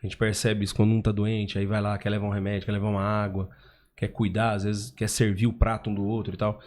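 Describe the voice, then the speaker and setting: A man's voice: lowish voice, little pitch movement, fast, darkish tone. A man talking casually as a podcast guest, with restarts and fillers.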